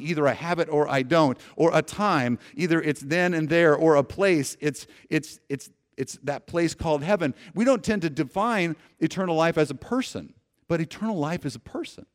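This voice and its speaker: A man preaching a sermon, earnestly leading his congregation and often restarting his phrases, swinging from loud emphasis to soft low endings. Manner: earnest preaching, asks congregation to repeat lines aloud; frequent restarts and repeated words. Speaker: pastor.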